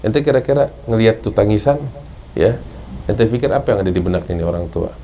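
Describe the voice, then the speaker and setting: A man's voice: fairly low pitch, lively intonation, fast, dark tone, highs cut off, slight background noise. A man with an Indonesian accent giving an Islamic study sermon, telling a story and rising to emphatic peaks. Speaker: religious teacher.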